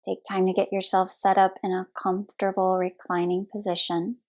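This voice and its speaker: In a medium-pitched, slightly mellow voice with little pitch movement, a yoga nidra instructor guides a relaxation meditation. Her delivery is soothing, made of short unhurried phrases and long pauses.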